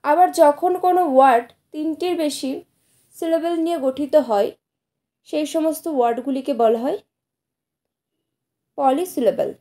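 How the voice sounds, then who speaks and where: A woman teacher speaks in a high voice with a soft, mellow tone. She explains each point patiently to her students, repeating and slowly sounding out example words. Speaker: English teacher. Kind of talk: slow explanatory lesson to students.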